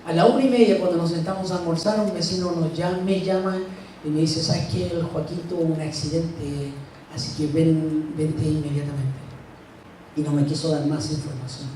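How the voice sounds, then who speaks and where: A middle-aged man from Chile speaks in a church, slow and halting, pausing often as he tells his story. His voice is mellow and slightly high for a man. The sound is heavily echoey, picked up from across a hall with faint background noise. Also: steady tone. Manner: slow, halting, grief-heavy storytelling with long pauses. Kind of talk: personal testimony talk. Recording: echoey hall, mic far off.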